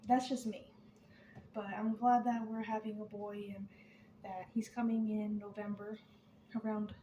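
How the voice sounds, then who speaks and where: A young woman talking candidly to camera, rambling and trailing off softly, a little out of breath. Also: mid-range voice, reverberant, slight background noise. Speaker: vlogger. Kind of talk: casual chat to camera.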